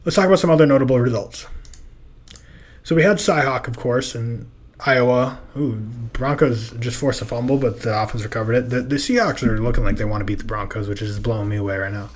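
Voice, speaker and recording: A man's voice: medium pitch, a little fast. Rambling young man losing his voice. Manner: rambling, loose. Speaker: podcast host. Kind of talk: casual sports talk.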